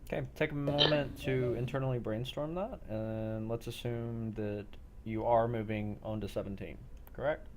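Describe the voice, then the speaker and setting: Over background noise, a man with a medium-pitched, fairly even voice runs an online group role-play session at normal speed. As game master he improvises scene narration in a matter-of-fact, tabletop-style way.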